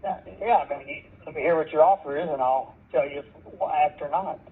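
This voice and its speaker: A man's voice: on the high side, brisk, husky. A man on speakerphone selling his home, giving short, agreeable replies in a casual phone chat. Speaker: home seller on a phone call. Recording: tinny phone line on speaker.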